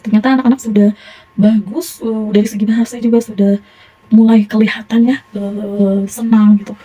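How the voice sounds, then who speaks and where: A woman's voice: medium pitch, flat delivery, normal speed, mellow, slightly rough, low-quality recording. A young woman with a Sundanese accent teaching a primary school class, encouraging and praising pupils often. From Indonesia. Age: young adult.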